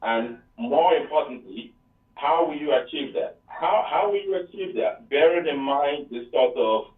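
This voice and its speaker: A man's voice: a little high, a little slow. A male caller asking a guest a question over the phone, hesitant and often repeating words as he goes. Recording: tinny echoey phone line from far off.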